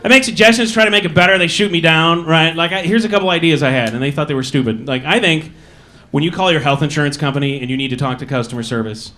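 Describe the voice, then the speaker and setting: A man doing stand-up at a comedy club tells dry, wry stories with quick asides in an Upper Midwest American accent. His voice sits fairly high and has a sharp tone.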